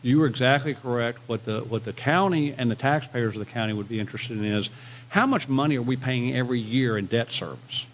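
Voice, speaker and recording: A man speaks in a middle-pitched voice with a hillbilly accent of the rural American South. He presents like a financial adviser at a public meeting, explaining technical points in plain, homely terms. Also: fairly quick, rough recording.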